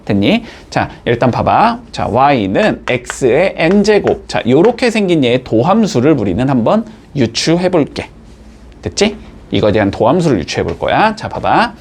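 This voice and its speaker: A man's voice: mid-range voice, sing-song, a little slow, breathy edge. A man teaching a math lesson in a classroom style, explaining step by step and constantly checking in with his students through short questions.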